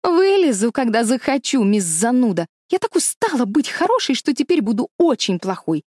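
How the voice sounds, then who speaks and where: A bossy, defiant little girl snaps and sneers in a high, piping voice, as a woman reading the story puts her on. The tone stays soft and dark underneath, recorded close and dry. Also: very animated, normal speed, dry recording. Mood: defiant, snappy. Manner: bossy, snapping, wailing when stuck. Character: willful defiant little girl, turned rebellious. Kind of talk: audiobook character voice.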